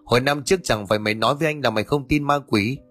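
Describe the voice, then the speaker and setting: A man's voice: mid-range voice, rapid-fire, a bit bright, faint music behind, close to an everyday voice. A man reading the part of a cocky older male cousin who talks brusquely and mockingly.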